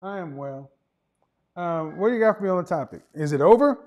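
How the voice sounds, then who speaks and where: A man's voice: sits high, expressive, brisk, darkish tone. A man hosting a call-in debate show, blunt and pushing back on callers, with features. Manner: blunt, pushes back, talks over callers. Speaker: host taking callers.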